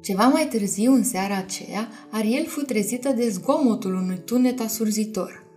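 A woman reading a children's storybook aloud in an expressive, measured way. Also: mid-range voice. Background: faint music.

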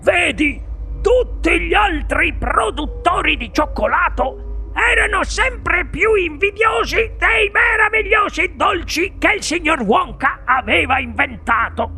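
Grandpa Joe: a shrill creaky old grandfather. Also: pushed and bright, heavily acted. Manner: dramatic, exclaiming, drawn-out emphasis. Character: excitable old grandfather telling secrets. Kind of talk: audiobook character voice.

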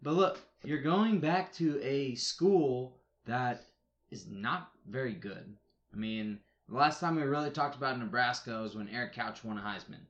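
A man's voice: mid-range voice, a little slow, highs cut off. A man co-hosting an amateur sports podcast, arguing college football in brash, mock-confident banter. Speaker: podcast co-host. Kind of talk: casual sports chat.

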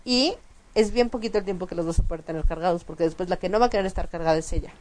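Animated woman explaining. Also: lowish voice, rapid-fire. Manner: animated, explanatory, many restarts and fillers. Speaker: co-host. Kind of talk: casual chat.

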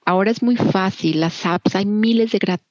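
A woman's voice: medium pitch, moderate pace, a little mellow, no room sound, highs cut off. A middle-aged woman with a Mexican accent, talking candidly and encouragingly as an interview guest. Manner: candid, encouraging, many fillers. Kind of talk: casual interview.

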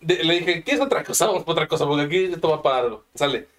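A man with a Mexican accent in a crude, casual chat, cursing nonstop and saying "güey" all the time. His speaking voice sits a little high. He tells stories from his own life in a loose, rambling way. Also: expressive, racing, fairly bright tone. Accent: Mexican Spanish. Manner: swears constantly, says "güey" nearly every line.

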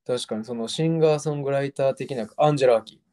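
A man's voice: medium pitch, quick pace, mellow. A young man with a Kansai accent, co-hosting a casual podcast chat and laughing easily. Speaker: podcast co-host.

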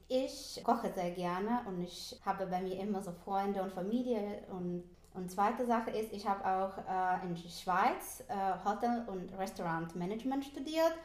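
A woman's voice: medium pitch, darkish tone. A woman in her thirties from Ukraine, giving a casual interview as a guest, speaking hesitantly with many filler sounds and small grammar slips. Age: 30s. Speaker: interview guest, spirits company founder. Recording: echoey room.

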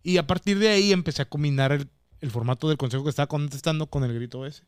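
A young adult man from Baja California, Mexico, a comedian guest telling stories in casual podcast chat with lots of slang and animated bursts. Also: on the high side, fast, smooth, dry recording, studio quality. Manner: slangy, animated storyteller, breaks into shouted catchphrase.

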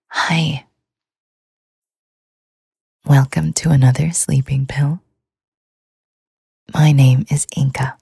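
A woman hosting a sleep podcast, talking in a soft, soothing whisper. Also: low voice, gravelly, breathy edge, no room sound, studio quality. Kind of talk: whispered ASMR sleep talk.

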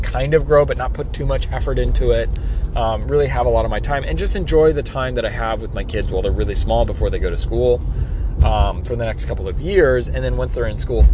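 A man in his thirties, a small business owner, rambling through his plans in a casual vlog with many fillers and restarts. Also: medium pitch. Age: 30s. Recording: outdoor street noise.

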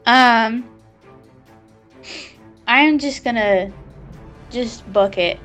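A woman playing a tabletop role-playing game, speaking in a slow, relaxed way and thinking aloud. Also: a little high, faint music behind. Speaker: player. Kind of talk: casual tabletop role-play.

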